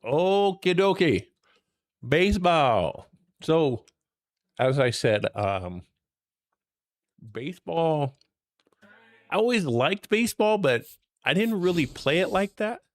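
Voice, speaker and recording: A man's voice: on the high side, sing-song, a little slow, dry recording. A young man hosting a casual gaming stream, chatty and laid-back, talking while his voice is worn. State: losing his voice. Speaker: streamer host.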